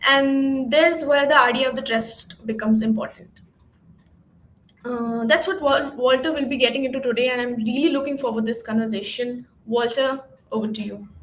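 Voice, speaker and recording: A woman's voice: on the high side, steady tone, moderate pace, roomy sound, poor audio. A woman hosting an event, giving a scripted conference introduction in an upbeat announcer manner with occasional small fillers. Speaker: event host.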